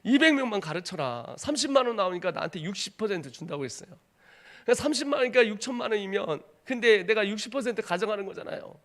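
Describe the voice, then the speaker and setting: A man in his thirties, a missionary preacher, telling a personal testimony in a sermon with dramatic storytelling, dropping to a hush and rising to shouts. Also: sits high, expressive, fast talker. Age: 30s. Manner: dramatic storytelling, acts out voices, swings from hushed to shouting.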